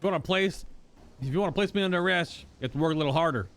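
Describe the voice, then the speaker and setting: A man's voice: a little high, rapid-fire, a bit bright, pitched above the performer's own voice, close to an everyday voice. A man voicing a playful, taunting Western outlaw for a game.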